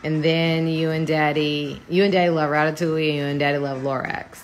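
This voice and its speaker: A woman's voice: low-pitched, little pitch movement, fairly quick, faint music behind. A woman in her thirties chatting casually on a phone livestream from her home kitchen, rambling and laughing easily. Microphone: phone held close.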